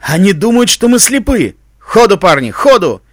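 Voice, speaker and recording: A man voicing a gruff, angry male alicorn hunter commander who barks scornful orders. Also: fairly high pitch, big pitch swings, fast, fairly bright tone, no echo, studio quality. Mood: furious. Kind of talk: audiobook fan fiction reading.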